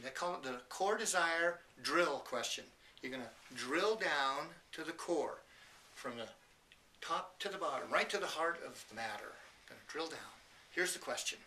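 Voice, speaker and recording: Earnest motivational speaker, bright slightly distant voice. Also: male voice, mid-range voice, slight background noise. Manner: earnest, emphatic, storytelling with quoted voices. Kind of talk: motivational talk to camera.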